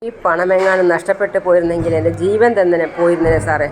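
Woman doing a poor young woman, anxious and tearful, lowish voice, retold serial. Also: steady tone, fast talker, background noise, lightly acted.

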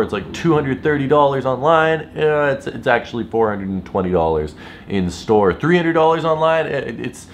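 A man's voice: medium pitch, slight background noise. Tired young man ranting about prices. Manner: animated, frustrated ranting. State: tired, worn out. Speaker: sneaker vlogger. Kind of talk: casual vlog talk to camera. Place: store, then hotel room.

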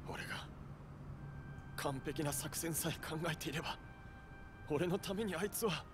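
An actor playing an earnest, determined young warrior hero in a video game, speaking with emotion. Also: male voice, a little high, unhurried, noisy background, lightly acted. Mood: anguished. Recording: music playing behind the voice.

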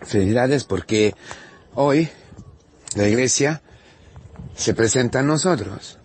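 A man's voice: mid-range voice, lively intonation, a little hiss or hum. A man whose first language is Italian, preaching a sermon in short, fervent phrases and acting out quoted dialogue with rhetorical questions. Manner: fervent, pausing in short phrases with frequent 'eh' fillers. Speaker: priest.

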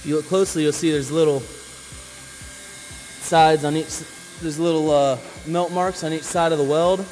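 A man who installs flooring, giving a casual on-the-job demonstration, relaxed and practical as he talks while working. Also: fairly high pitch, moderate pace, soft background music, rough recording. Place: indoor work floor.

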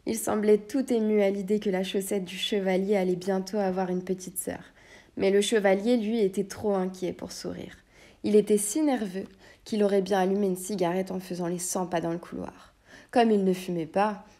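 A woman reading a children's audiobook aloud, telling the story in a lively way. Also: mid-range voice. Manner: lively storytelling with many voices. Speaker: audiobook narrator. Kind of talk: scripted narration.

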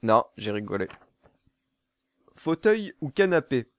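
A man's voice: medium pitch, very animated, takes it slowly, dry recording. A young man from southern France answering viewer questions to camera in a casual, jokey way, laughing at his own jokes and stumbling over fillers.

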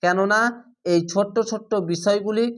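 A man with a high-pitched, steady voice teaches Quran recitation, spelling every word letter by letter and reciting it slowly and drawn out. He patiently repeats the rules and sometimes quizzes the viewer.

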